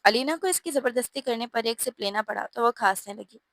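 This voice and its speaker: A woman storyteller narrating a scripted bedtime story in a steady, even reading voice. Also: a little high, brisk, no echo.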